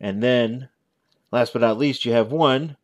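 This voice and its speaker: A man in his forties giving a casual, unscripted show-and-tell commentary as a reviewer, halting and correcting himself as he goes. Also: medium pitch, no room sound, clean studio sound. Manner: halting, conversational, self-correcting. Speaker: toy reviewer. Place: small living room at home. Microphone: headset.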